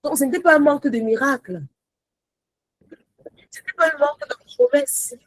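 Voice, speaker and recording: Woman preacher, high voice, energetic sermon that mixes in English, close dry sound. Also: normal speed, no echo, poor audio. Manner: mixes English phrases into French, exclamatory; swings from shouts to soft whispers. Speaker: prayer teacher. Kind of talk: animated sermon teaching.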